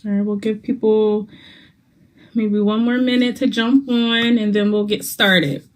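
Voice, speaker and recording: A woman hosting a children's Bible club livestream in a casual, halting way, her mouth slightly numb from dental work. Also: mid-range voice, fairly even intonation. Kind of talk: casual livestream welcome to young viewers.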